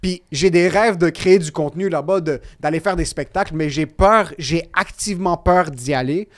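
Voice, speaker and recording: A man with a Québécois accent, a comedian guest telling animated, self-mocking stories in casual podcast chat, swearing often. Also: fairly high pitch, normal speed. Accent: Québécois French. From Quebec.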